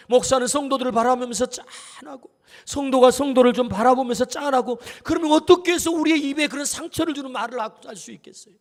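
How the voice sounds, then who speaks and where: A male pastor preaching a sermon in a church, talking animatedly and putting questions straight to the congregation. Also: very high voice. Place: church sanctuary. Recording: long reverb of a church hall.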